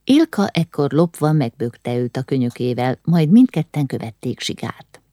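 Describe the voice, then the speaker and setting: Low-voiced woman narrating an audiobook. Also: very animated, dark tone, no echo, studio quality.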